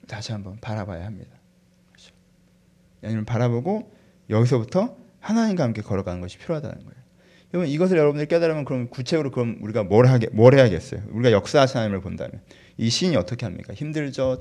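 A man preaching a sermon, asking the congregation questions and swinging from loud fervent peaks to quiet, soft passages. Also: medium pitch. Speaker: pastor.

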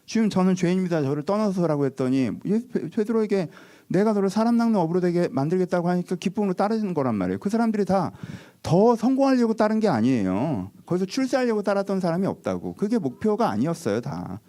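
A man preaching a sermon as a pastor, telling the story in a lively, animated way and acting out the dialogue between figures. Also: high voice, fast talker.

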